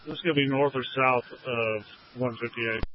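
A man's voice: medium pitch, steady tone, normal speed. A man in a fire unit talking over a two-way fire radio in clipped, procedural radio traffic. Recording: muffled lo-fi radio with faint static.

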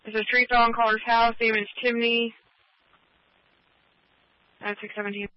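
A woman working as a fire dispatcher, giving clipped, rapid calls over a two-way radio transmission. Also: a little high, flat delivery, dry recording. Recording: muffled, dry scanner radio audio.

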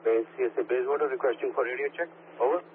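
A man's voice: mid-range voice, quick pace. A man speaking over a walkie-talkie radio in formal radio-check protocol. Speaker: radio operator. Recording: tinny two-way radio with heavy static.

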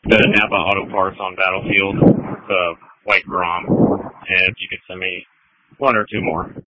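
A police officer reporting over a police radio transmission in brief, matter-of-fact calls. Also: male voice, sits low, flat delivery, measured pace, bright, forceful tone, dry recording. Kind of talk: radio call-in to dispatch. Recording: dry, lo-fi radio audio.

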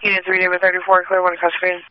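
A man working as a police dispatcher, reading out call signs in clipped, rapid radio codes over a police radio transmission. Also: high voice, completely flat delivery, clear, resonant tone, dry recording, lo-fi sound.

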